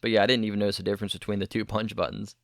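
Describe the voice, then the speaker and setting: A man's voice: fairly low pitch, flat delivery, rapid-fire, vocal fry, no room sound, studio quality. A man co-hosting a casual gaming podcast, rambling and correcting himself as he talks, often laughing. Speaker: podcast co-host.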